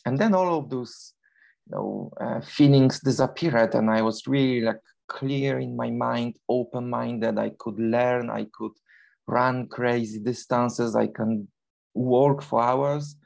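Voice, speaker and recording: A man's voice: medium pitch, takes it slowly, vocal fry, darkish tone. A man in his forties from Poland with a Polish accent, a guest in an interview who talks casually with many fillers and restarts. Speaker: guest, long-distance runner.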